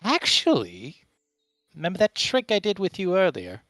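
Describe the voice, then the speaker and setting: A man voicing a considerate female mage in a tabletop game, halting and reassuring as the character talks to companions. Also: high-pitched, huge pitch swings, a bit bright, no echo, studio quality, voice pushed up, heavily acted. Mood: pondering. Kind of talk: in-character tabletop role-play.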